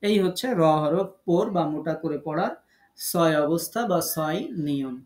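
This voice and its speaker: A man's voice: a little high, darkish tone. Patient male Quran teacher in an echoey room. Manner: patient, repeats rules and slowly drawn-out example words. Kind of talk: online tajweed lesson.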